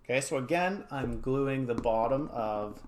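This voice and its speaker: Recorded in a home studio with clear background noise and small clicks, a man with a mid-range, darkish voice keeps a measured pace. He's an art educator leading a casual, step-by-step craft lesson, drifting a bit into informal asides.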